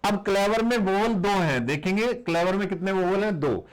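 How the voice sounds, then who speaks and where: Patient higher-voiced male teacher. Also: expressive, moderate pace, poor audio. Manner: patient, repeats rules and asks rhetorical questions. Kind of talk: classroom grammar lesson.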